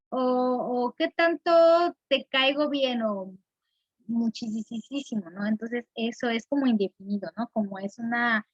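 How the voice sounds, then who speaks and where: A woman's voice: a little high, no echo. Woman teacher explaining grammar. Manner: explains patiently, checks in with "¿no?" and "¿ok?". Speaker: literature teacher. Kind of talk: recorded lecture. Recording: dull, dry lo-fi recording.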